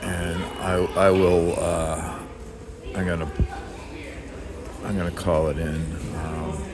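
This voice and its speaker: A man's voice: low voice, level tone, slow pace, crowd noise. A man narrating casually as a travel vlogger, hesitant and thinking aloud as he goes. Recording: noisy subway and street ambience. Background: transit ambience, vehicle noise.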